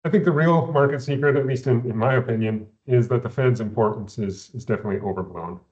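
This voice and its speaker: A man's voice: medium pitch, a little mellow. Man explaining finance over a muffled video call. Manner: measured, explanatory, with repeated words at phrase starts. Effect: heard over a video call. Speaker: investment adviser. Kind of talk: explaining economics in a recorded company Q&A.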